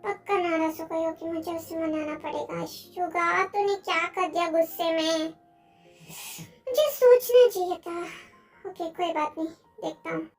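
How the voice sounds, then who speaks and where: A woman's voice: extremely high pitch, a little slow, distant mic, faint music behind, voice pushed up. A woman voicing a possessive, pleading young man in a fan audio drama, speaking emotionally. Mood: worried.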